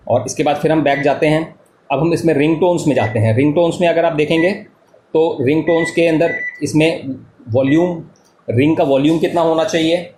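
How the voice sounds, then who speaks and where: A man with an Indian accent and a slightly high, darkish-toned voice walks through a product tutorial step by step as a demonstrator, repeating key points along the way. The room is echoey, with clear background noise.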